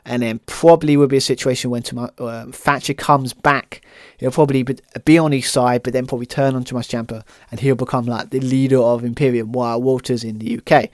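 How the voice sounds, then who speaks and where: Brisk and a little mellow, with a mid-range voice and fairly even intonation, a solo podcast host rambles through a casual review, clearly enthusiastic. He fills it heavily with "kind of" and "um". The audio is studio quality with no echo.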